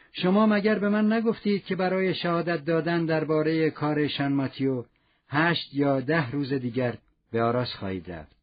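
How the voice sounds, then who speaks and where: A man voicing a dignified, kindly male mayor who speaks calmly and courteously in an audiobook. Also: fairly high pitch. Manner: calm, courteous, authoritative. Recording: dull lo-fi audio.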